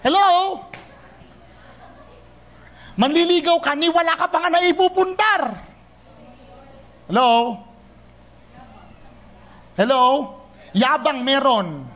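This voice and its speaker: A young man preaching a sermon, lively and teasing, switching between Tagalog and English. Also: very high voice, slow, pauses often. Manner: animated, mixes Tagalog and English, teasing the congregation.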